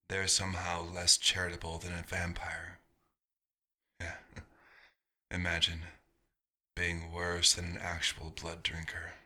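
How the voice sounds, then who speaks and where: In a soft-spoken ASMR roleplay, a man plays a centuries-old vampire doctor, wistful and dryly wry. His voice is husky, breathy, low-sitting and exaggerated, with halting, musing pauses.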